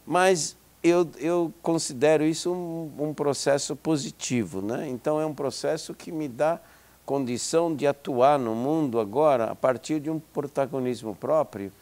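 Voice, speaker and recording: Interviewed as a guest, a psychology professor from Israel in his seventies, Hebrew his first language, reflects in a hesitant way full of fillers and restarts. He speaks at normal speed in a fairly high voice with a darkish tone.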